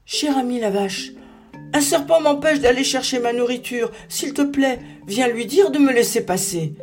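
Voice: high-pitched, normal speed, faint music behind, voice pushed up. A narrator voicing a small, hungry salamander who pleads politely for help in a storybook tale. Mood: pleading.

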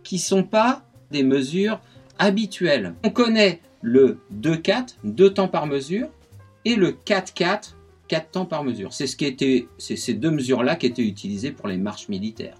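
Brief: halting, patient jazz explainer on radio, husky tone, soft guitar underneath. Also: medium pitch, lively intonation. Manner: patient, hesitant with many fillers, counts beats aloud. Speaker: jazz music guest on a radio show.

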